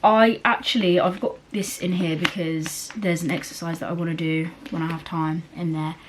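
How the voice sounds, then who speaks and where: Steady and fairly low in pitch, this young woman talks at a normal speed with some background noise behind her. As a book vlogger in casual chat, she meanders along, filling gaps with fillers and laughs.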